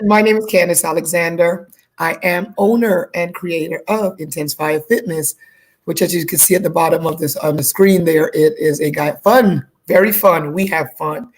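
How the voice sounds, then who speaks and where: A woman from Guyana, a fitness instructor, chatting in an upbeat casual interview over a video call and circling back to repeat her points. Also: lowish voice. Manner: upbeat, repeats herself while explaining.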